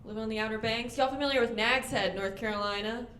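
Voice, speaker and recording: A young woman works through a stand-up set on a club stage with a handheld mic, landing deadpan punchlines and slipping into quick voices. Her voice sits a little high. The room is roomy, with a faint hum of the audience behind her. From United States. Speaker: stand-up comedian.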